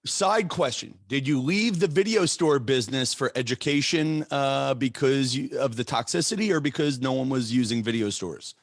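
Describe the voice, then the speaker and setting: A middle-aged man hosting a podcast interview, talking in an animated, halting way with restarts and fillers. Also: mid-range voice, dry recording, studio quality. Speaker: podcast host. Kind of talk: casual interview chat.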